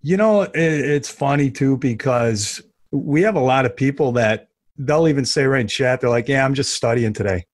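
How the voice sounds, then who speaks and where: A man's voice: mid-range voice, moderate pace, few pauses, no echo. A man co-hosting a trading podcast, chatting in an agreeable, easygoing way with casual swearing. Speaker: podcast co-host.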